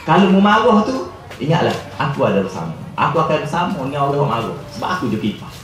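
A man's voice: fairly high pitch, big pitch swings, fast talker, noisy background. A man voicing the devil as a sly, confiding tempter, in a very echoey hall. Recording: echoey hall, distant mic.

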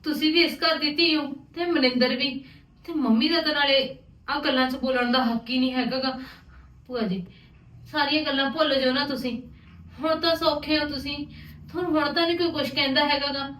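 A woman's voice: high-pitched, fairly even intonation, brisk, a bit bright, recorded from a distance. A woman playing a niece in a family drama, earnest and pleading. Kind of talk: Punjabi domestic drama acting. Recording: echoey room, off mic.

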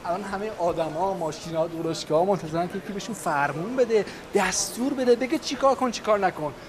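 A man's voice: high-pitched, a crowd in the background, close to an everyday voice. An actor playing a pushy, ambitious young man who insistently and teasingly coaxes his friend, with a music score underneath. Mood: coaxing. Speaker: scheming friend. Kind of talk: period TV drama acting.

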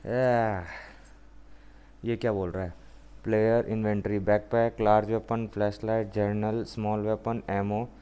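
A man giving jokey, excitable commentary on a virtual reality game. He taunts the zombies and then apologizes to them. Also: fairly low pitch, unhurried, clean tone. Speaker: gamer. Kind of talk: casual VR gameplay commentary.

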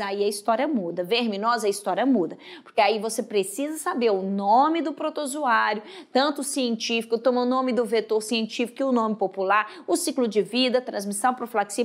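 A woman teaching a biology exam-prep class, chanting mnemonics and coaxing the class to repeat after her. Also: on the high side. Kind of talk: energetic exam-prep lesson.

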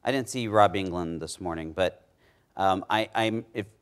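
A middle-aged man giving a conference keynote on a large stage, speaking emphatically into a lapel mic and dropping low on key words. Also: normal speed, clean tone.

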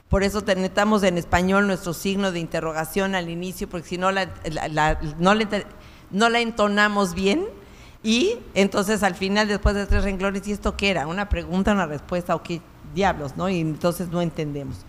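A woman's voice: fairly low pitch, big-room sound. A woman giving a conversational public lecture, full of fillers and "¿no?" tags.

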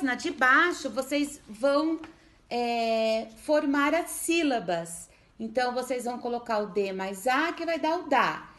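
A primary school teacher with a Brazilian Portuguese accent gives a remote literacy lesson to first graders. Her voice is high with a fairly bright tone, and she speaks slowly and patiently, sounding out syllables and checking in with the children often.

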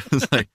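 A man's voice: a bit bright, dry recording, studio quality. A man hosting a casual podcast chat, reading social media posts aloud and slipping into silly voices. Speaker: podcast host.

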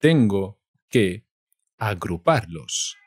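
A man from Spain with a Spanish accent, teaching vocabulary in a slow lesson and saying each word twice. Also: fairly low pitch, sing-song, dry recording, studio quality.

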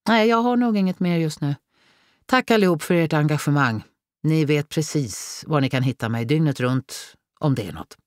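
A woman reading an audiobook, voicing a male police chief who briskly commands a murder briefing. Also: deep voice, expressive, no echo, clean studio sound, pitched above the performer's own voice. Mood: appreciative.

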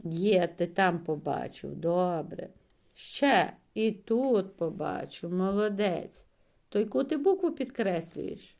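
Slow, patient woman teacher. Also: on the low side, animated, gravelly, a little mellow. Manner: patient, coaxing, frequent praise, drawn-out sounds. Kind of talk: one-on-one reading lesson with a child.

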